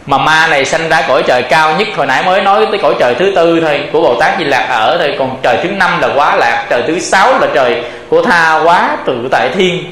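Brief: male monk, high voice, lively sermon style, recorded in an echoing room. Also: fast, hardly any pauses. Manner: lively, laughs often, asks the audience rhetorical questions. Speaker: Buddhist monk teaching. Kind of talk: dharma talk sermon. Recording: echoey room.

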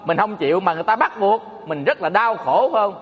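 A man's voice: high voice, lively intonation, quick pace, fairly bright tone. A man, a Buddhist monk giving a folksy, joking sermon to an audience. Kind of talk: Dharma talk sermon. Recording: echoey hall reverb.

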